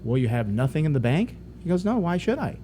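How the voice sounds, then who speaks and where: Middle-aged money advisor guy, talks fast, tells client stories, light rumble behind. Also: big pitch swings, warm tone. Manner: brisk, tells anecdotes, quotes clients. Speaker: investment advisor guest. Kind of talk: casual radio talk.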